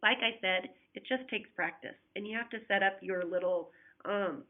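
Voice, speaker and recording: In a tinny, phone-like recording, a woman with a medium-pitched voice teaches unit conversions at normal speed. Her flipped-classroom lesson is patient and step by step, inviting students to check along, despite a recurring cough.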